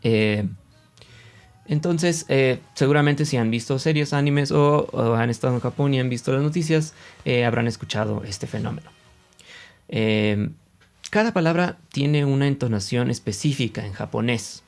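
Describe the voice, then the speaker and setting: A man's voice: mid-range voice, moderate pace, darkish tone, soft background music. Mexican man explaining like a teacher. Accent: Mexican Spanish. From central Mexico. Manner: conversational, many fillers, demonstrates sounds aloud. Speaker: Japanese teacher. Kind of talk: casual explanatory video lesson.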